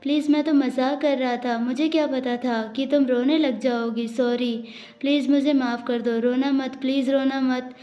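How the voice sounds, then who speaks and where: A woman's voice: high-pitched, fairly even intonation, normal speed, warm tone, lo-fi sound, lightly acted. A woman voicing a young husband who is teasing, possessive and coaxing in his pleas, read in a storytelling manner. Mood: pleading. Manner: coaxing, pleading apologies.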